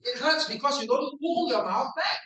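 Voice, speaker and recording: A Singaporean man gives a playful speech evaluation at a club meeting, sounding out words slowly for the room to repeat. His voice is bright and clear. He stands back from the mic, and the room echoes heavily. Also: very high voice, animated, far from the mic. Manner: playful, drills words aloud slowly for the audience. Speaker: language evaluator at a speaking club.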